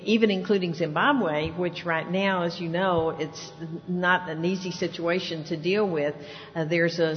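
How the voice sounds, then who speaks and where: A woman bishop speaking on a panel, answering a question steadily and informatively, with frequent fillers. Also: fairly low pitch. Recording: reverberant hall, dull lo-fi sound.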